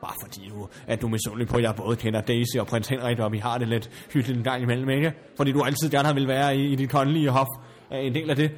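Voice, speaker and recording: A man's voice: medium pitch, little pitch movement, close to an everyday voice. A man playing a haughty, snobbish country estate owner in an improvised comedy sketch, indignant and stammering when flustered.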